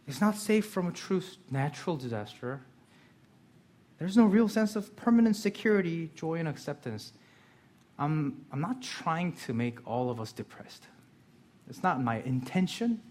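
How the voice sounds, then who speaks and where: A man who grew up in Korea, preaching a sermon in an earnest way, moving between quiet reflection and emphatic questions. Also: high-pitched. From South Korea. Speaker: pastor.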